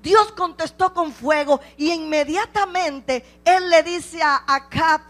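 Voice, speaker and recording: A woman's voice: extremely high pitch, slow, a bit bright. A woman preaching a sermon with passion, driving her points home with repeated rhetorical questions.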